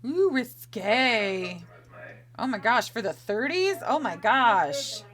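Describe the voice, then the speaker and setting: A young woman gives casual, sarcastic commentary while watching a film, breaking into giggles. She speaks slowly, in a slightly high voice that rises and falls a lot. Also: big pitch swings, a bit bright. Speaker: host reacting to a film.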